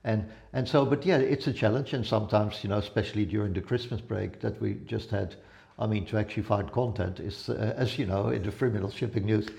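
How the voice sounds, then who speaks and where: A man in his seventies, from the Netherlands, talks in a low, gravelly voice with a mellow tone. He rambles easily through his answers, stopping for uhs and restarts as he chats with the host. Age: 70s. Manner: relaxed and rambling, many pauses and fillers. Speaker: guest, retired photographer and blogger. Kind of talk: casual interview chat.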